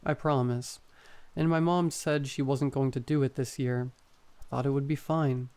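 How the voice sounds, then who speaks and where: Guy doing a meek placating boyfriend in a horror story, smooth soft voice, urban legend telling. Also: medium pitch, fairly even intonation, normal speed, close to an everyday voice. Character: young boyfriend, meek, pleading, loyal to monstrous family. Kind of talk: acted dialogue in horror storytelling.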